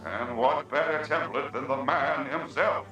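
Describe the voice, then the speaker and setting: Slow, bright-voiced eccentric scientist. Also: male voice, mid-range voice, soft background music. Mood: musing, curious. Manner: precise, deliberate, wondering. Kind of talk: video game character acting.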